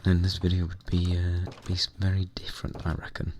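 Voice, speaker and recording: A young man with a hoarse, croaky voice, chatting casually and rambling while playing a computer game. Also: low-pitched, monotone, fairly quick. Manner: rambling, chatty, mild swearing. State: hoarse, recovering lost voice. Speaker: gaming vlogger. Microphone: desk microphone at computer.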